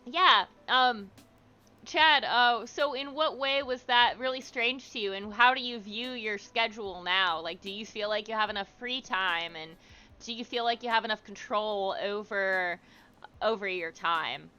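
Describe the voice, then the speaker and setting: A woman of medium pitch, her voice bright, forceful, and smooth, talks a little slowly on a lo-fi livestream. As host she reads comments aloud and chats casually with viewers in a supportive, encouraging way.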